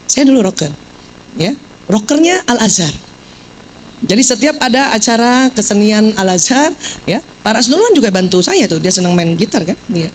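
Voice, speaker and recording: A middle-aged woman giving a lively, joking parenting seminar, quizzing her audience. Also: mid-range voice, normal speed, a little hiss or hum, poor audio.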